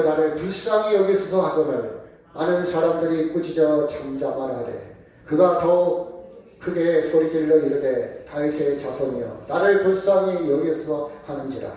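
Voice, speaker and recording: A man's voice: fairly high pitch, darkish tone. A man preaching a sermon as pastor in a church, with emphatic call-and-response questions. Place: church sanctuary. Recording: very echoey room, voice from far off.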